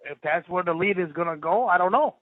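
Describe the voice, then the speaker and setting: A man talks on a prison phone line, his voice high for a man and squeezed thin by the narrow phone band. He answers haltingly, starting and restarting his replies. The sound is dry and close, with no room around it. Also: no echo. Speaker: inmate on a recorded call.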